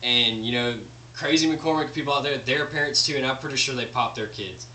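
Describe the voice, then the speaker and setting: A man's voice: medium pitch, a little fast, pushed and bright. A young man vlogging a blunt, profane rant. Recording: roomy echo, distant mic, faint hum.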